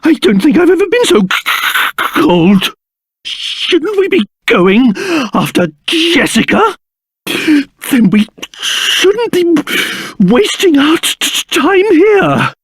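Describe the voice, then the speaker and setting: King Trode, wildly excitable pompous old British king. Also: slow pace, no room sound, exaggerated voice. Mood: shivering, complaining. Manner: pompous, theatrical, swinging between grumbling and shrill outbursts. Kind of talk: video game character voice acting.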